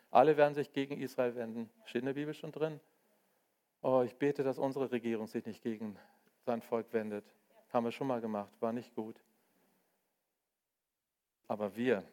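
An older man preaching a charismatic sermon, swinging between loud joyful exclamations and soft, intimate asides, with a folksy way of talking straight to his listeners. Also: mid-range voice. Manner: folksy, addresses listeners with "ne?" and "du auch?".

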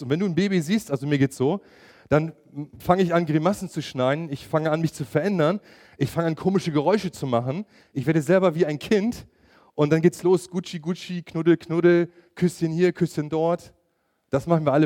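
A man's voice: fairly high pitch, a little mellow. A middle-aged man preaching a sermon, emphatic and asking his listeners direct questions.

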